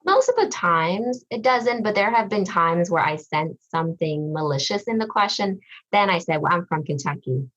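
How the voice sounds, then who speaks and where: A woman from Vietnam, a social worker and therapist, giving thoughtful, measured answers in a podcast interview. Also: lowish voice, sing-song, fairly bright tone, muffled recording. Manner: thoughtful, measured, with frequent ums.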